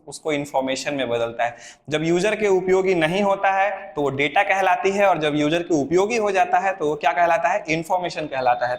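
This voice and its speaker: A man's voice: high-pitched, reverberant. A male computer teacher leading an exam-prep lesson, explaining step by step, repeating the answers and asking rhetorical questions.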